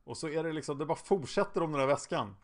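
Male podcast narrator, casual true-crime storytelling, conversational with hesitant fillers. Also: fairly high pitch.

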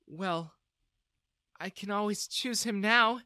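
A man voicing a sympathetic middle-aged mother who speaks gently and apologetically. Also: sits high, slow pace, dry recording, studio quality, voice pushed up, exaggerated voice. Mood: gentle.

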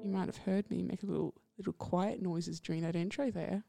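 A woman's voice: lowish voice, steady tone, a little fast, creaky, mellow, soft background music. A woman co-hosting a podcast in casual chat, playful and argumentative. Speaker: podcast co-host.

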